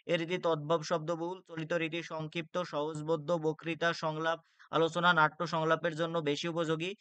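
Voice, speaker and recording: A man's voice: a little high, completely flat delivery, moderate pace, pushed and bright, clear, resonant tone, no room sound. A young man tutoring for an exam, reading rules aloud with many "ah" fillers and restarts. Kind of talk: exam-prep lecture.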